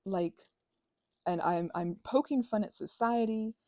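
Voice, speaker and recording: A woman in her thirties, a crafting vlogger and ASMR creator, rambles casually and digressively with a sarcastic, self-deprecating streak. Her mid-range voice is unhurried and dark in tone, with no room sound.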